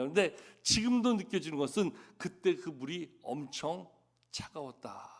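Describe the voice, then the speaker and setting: A man pastor preaching a Sunday sermon at a church service, telling stories and putting rhetorical questions to the congregation. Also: high-pitched.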